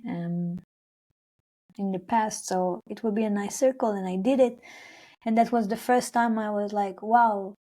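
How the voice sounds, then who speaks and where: Her voice sits a little high and has a slightly mellow quality. She is a young Hebrew-speaking singer from Israel-Palestine giving an English interview about her life, wandering off track with lots of fillers and false starts. At times she re-enacts her own earlier words.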